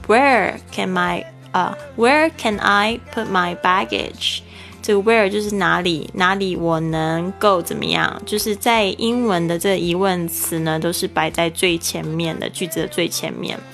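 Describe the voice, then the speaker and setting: A woman teaches a podcast lesson, patiently explaining and spelling out words letter by letter. Her voice has a gravelly, fry-touched edge. Soft music plays faintly behind her. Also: on the low side, animated. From Taiwan. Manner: explanatory, spells words out letter by letter, repeats English phrases slowly. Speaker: English teacher and podcast host.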